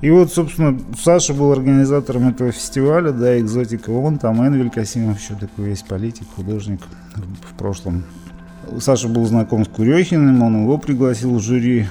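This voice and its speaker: A man's voice: mid-range voice, a little fast, dark tone, faint music behind. A man from Izhevsk, Russia, a musician being interviewed, talking in a rambling way with many fillers and restarts. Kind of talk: casual interview reminiscing.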